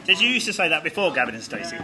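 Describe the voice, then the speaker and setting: A man's voice: a little high, sing-song, racing, very noisy. A man co-hosting a live comedy podcast, dryly reading out newspaper items with wry asides. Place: live stage show before an audience.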